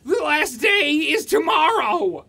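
An actor playing a bratty, loud, syrup-obsessed young man in a comedy radio play, whiny and boastful. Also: extremely high pitch, very animated, slow pace, exaggerated voice. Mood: frantic.

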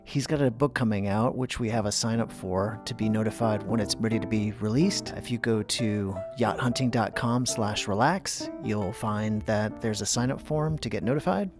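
A man's voice: on the low side, normal speed, hardly any pauses. A man narrating as the host of a show, in a scripted, conversational delivery. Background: soft guitar music.

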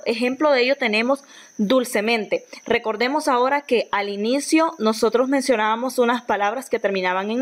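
A Honduran woman teacher giving a recorded grammar lesson, patient, often repeating and restarting phrases as she explains. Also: a little high. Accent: Honduran Spanish.

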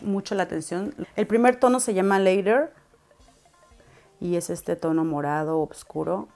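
A woman's voice: medium pitch, darkish tone. Chatty woman vlogging a makeup haul. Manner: chatty, unhurried, drops in English words. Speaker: beauty vlogger. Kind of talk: casual makeup haul vlog.

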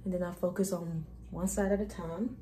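Young woman beauty vlogger, warm mellow voice, chatty and informal, walks viewers step by step. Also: lowish voice, steady tone, moderate pace. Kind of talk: casual hair tutorial.

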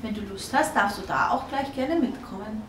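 A woman's voice: mid-range voice, normal speed, background noise, natural voice. A woman voicing a friendly, welcoming young kindergarten teacher, in an echoey room from a distance. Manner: warm, welcoming.

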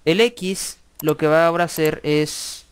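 A man talks through a coding tutorial, pausing to dictate code as he types. His voice sits a little high and comes across smooth and clear. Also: fairly even intonation. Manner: thinks aloud while typing, slow dictation of code. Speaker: programming tutor. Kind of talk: screen-recorded coding tutorial.

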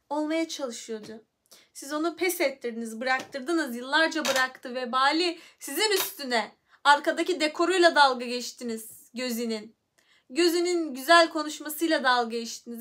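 A woman's voice: sits high, fairly bright tone, slight background noise. A young woman hosting a casual livestream, chatting playfully with viewers and reading the chat aloud into her phone. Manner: playful, chatty, hums and sings nonsense syllables.

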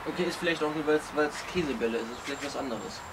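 Fast-talking young man, slightly high voice. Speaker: vlog host. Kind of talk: casual chat, food challenge commentary. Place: outdoor garden table under a wooden gazebo. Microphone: camera mic across the table. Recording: distant mic, noisy outdoor ambience.

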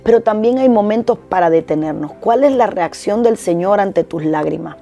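A woman's voice: mid-range voice, lively intonation, moderate pace, vocal fry, mellow, soft background music. A woman pastor giving a short devotional sermon, earnest and exhorting, repeating her key phrases.

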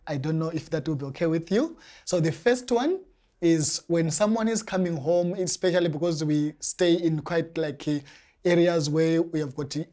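Measured Zimbabwean man, lapel mic. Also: a little high, mellow. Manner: careful, measured, frequent pauses and restarts. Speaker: interview guest, church member. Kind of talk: casual interview answers. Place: small indoor studio set.

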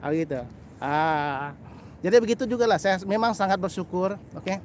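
On a grassy canal-side path, a high-voiced, middle-aged birding vlogger from Sabah talks casually to camera in Malay-accented speech. His delivery is halting and repetitive, full of "ah" and "lah" tags, and outdoor sounds fill the background.

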